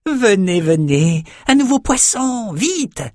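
Shrill, squealing runt shaman, very high, audiobook figure. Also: big pitch swings, takes it slowly, no room sound, studio quality, heavily acted. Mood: excited. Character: panicky albino shaman runt, male, squealing.

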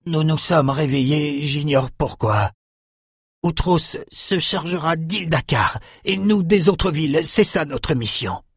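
Un soldat mourant et fier. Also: male voice, on the high side, slow, husky, dry recording, exaggerated voice. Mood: defiant. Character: dying enemy soldier, defiant and proud. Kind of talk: audiobook dialogue. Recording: dry studio recording.

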